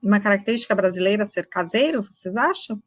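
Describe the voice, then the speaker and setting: A woman teacher giving an online literature lesson, patiently explaining and slowly sounding out syllables. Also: medium pitch, lively intonation, dry recording, rough recording. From Brazil. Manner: patient, explains step by step, checks in with students.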